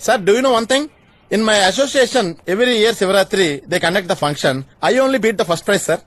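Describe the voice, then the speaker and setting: A man's voice: high-pitched, drawn-out words, fairly bright tone, dry recording, exaggerated voice. An actor playing a young man who protests in a bewildered, sheepish way, in comic dubbed film dialogue. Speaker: film hero.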